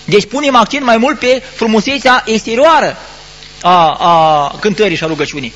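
A male priest giving an admonishing sermon, full of rhetorical questions and halting restarts. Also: sits high, animated, fairly bright tone, low-quality recording. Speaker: Orthodox priest.

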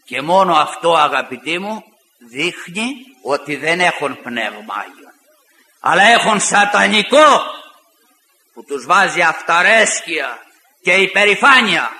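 A man preaching a fiery sermon, rising to shouts and retelling arguments with mocking asides. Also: a little high, animated. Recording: echoey hall with long reverb.

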